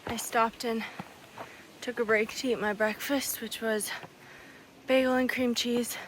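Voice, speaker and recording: A woman hiker vlogging on the trail while sick, with a hoarse voice and a wry, self-deprecating way of talking, a bit out of breath from climbing. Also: on the high side, flat delivery, measured pace, a bit bright, a little hiss or hum. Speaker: thru-hiker vlogging her hike. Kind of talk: casual vlog to camera. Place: outdoors on a hiking trail.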